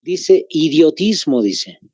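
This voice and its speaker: A man with a Bolivian Spanish accent teaching a grammar lesson, slowly repeating phrases so students can take notes. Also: on the high side, sing-song, dark tone, dry recording.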